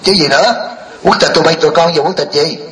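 A man's voice: fairly high pitch, fast talker, fairly bright tone. A man, a Buddhist monk giving a folksy, joking sermon and firing rhetorical questions at a live audience. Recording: echoey hall, mic at a distance.

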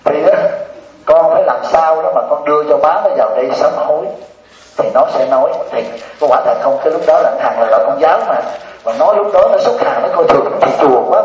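A man with a Southern Vietnamese accent, a Buddhist monk giving a humorous dharma talk to a congregation as a lively, teasing storyteller. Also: fairly high pitch, a little fast. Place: hall with a live audience. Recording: roomy dull sound from a distant mic.

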